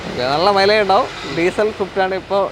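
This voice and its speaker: High-pitched Malayalam-English car show host, man. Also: fairly even intonation, fast talker. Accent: Kerala Malayalam. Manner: repeats and confirms the other speaker's answers. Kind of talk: casual presenting and questioning. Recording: outdoor street noise, faint traffic.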